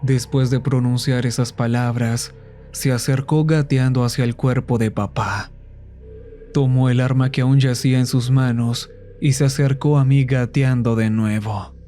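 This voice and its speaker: A man narrating a horror story in a slow, somber storytelling manner. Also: medium pitch, steady tone, dark tone, faint music behind.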